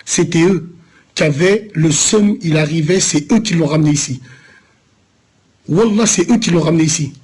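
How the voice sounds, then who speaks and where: Male streamer from Lyon, husky tone, slangy, rambling, teases his chat. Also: fairly high pitch, moderate pace, pauses often, a little mellow. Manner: loose, rambling street slang, teasing chat. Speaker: live streamer answering viewers. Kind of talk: casual live-stream chat.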